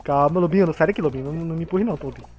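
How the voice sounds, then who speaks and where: A man with a Brazilian accent giving excitable gameplay commentary, laughing often and talking to the other players. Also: on the high side, very fast, muffled recording, faint music behind. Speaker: gamer.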